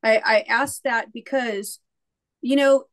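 A woman's voice: fairly high pitch, fairly even intonation, slow pace. A woman co-hosting a casual theological discussion, talking conversationally with hesitant repeats. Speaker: podcast co-host.

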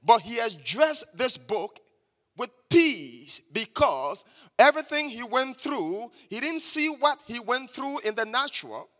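Man preaching, high bright voice. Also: big pitch swings, measured pace. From Liberia. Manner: emphatic, has the congregation repeat after him. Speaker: guest preacher. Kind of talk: church sermon. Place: church sanctuary. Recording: long church reverb.

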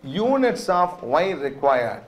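High-pitched South Indian man teaching. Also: very animated, takes it slowly. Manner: rhetorical questions with frequent check-ins. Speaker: accountancy teacher. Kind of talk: classroom lecture, question-and-answer explaining.

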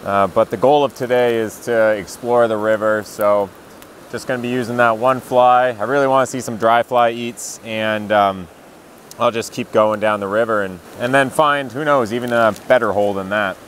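A young man vlogging outdoors by a river, chatting casually and excitedly to his viewers through a clip-on mic. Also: mid-range voice. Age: young adult. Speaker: fishing vlogger. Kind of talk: casual outdoor vlog narration. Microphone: small clip-on mic on jacket. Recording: rushing river noise behind. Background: flowing water.

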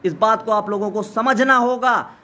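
A man with a very high, bright and strained voice gives a rallying live speech. He sounds hoarse from days of shouting, urges his listeners insistently, and repeats the same call again and again. He speaks like someone running a protest. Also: moderate pace. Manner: urgent, exhorting, repetitive. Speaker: protest organizer. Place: outdoor protest site.

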